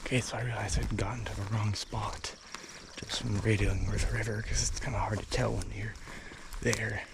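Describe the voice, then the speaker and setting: A man whispering quietly to the camera as he tracks wildlife, recorded outdoors in the field. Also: on the low side, flat delivery, normal speed, gravelly, heavy background noise. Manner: hushed whispering while stalking wildlife. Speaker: outdoor vlogger. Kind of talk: quiet narration to camera while tracking elk. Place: outdoors in backcountry.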